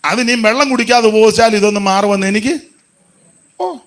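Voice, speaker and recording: A man preaching a sermon in an animated way, rising to shouts and dropping to soft asides. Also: sits high, brisk.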